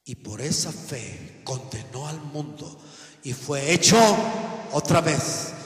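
A male preacher delivering a sermon, swinging between loud, emphatic proclamations and hushed asides. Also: medium pitch, takes it slowly. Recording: echoey hall from a distance.

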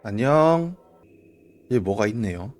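A man doing live horror game commentary as a streamer, jumpy and reactive, talking to himself and sometimes shouting. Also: lowish voice, sing-song, slow pace, slight background noise.

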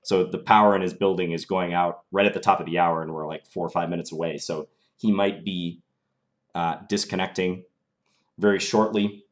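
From a small room in his home, a young man with a mild Minnesota accent streams a chess game, thinking his moves through out loud. His voice is deep and steady, at a moderate pace.

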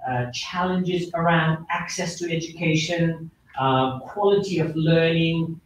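A man's voice: on the high side, measured pace. A man from Nepal presenting his book at a university launch, talking in an earnest, hesitant way with many fillers. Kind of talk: academic book launch talk. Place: large lecture room with perforated wall panels. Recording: very echoey room, far from the mic, faint noise.

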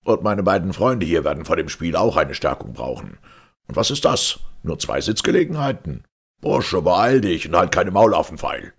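A man's voice: extremely low pitch, expressive, fairly quick, creaky, husky, exaggerated voice. A man voicing a rude, pompous aristocrat who barks orders and talks down to everyone. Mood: brusque. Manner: brusque, bossy, condescending. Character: rude pompous old aristocrat, brusque snob.

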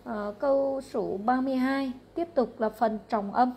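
Her pitch sits high and her tone is mellow. She's an English teacher with a Vietnamese accent, moving quickly through exam answers question by question, plainly and with lots of repetition.

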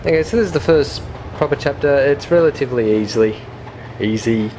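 A young man hosting a casual let's play, chatty, jokey and excitable. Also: mid-range voice, fairly quick. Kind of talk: casual gameplay commentary. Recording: noisy home recording. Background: game audio.

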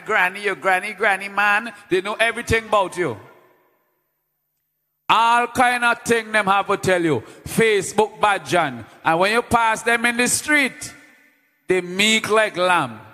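A man with a Vincentian accent hosting a live stream as DJ. He talks loudly and playfully, chanting call-outs to the audience. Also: high voice, in a large hall. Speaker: livestream host and DJ.

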